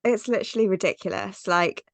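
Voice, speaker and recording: A woman's voice: medium pitch, brisk, creaky, no room sound. A woman in her thirties, a podcast guest chatting in a casual, storytelling way with lots of "like" and "um". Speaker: podcast guest, business mentor.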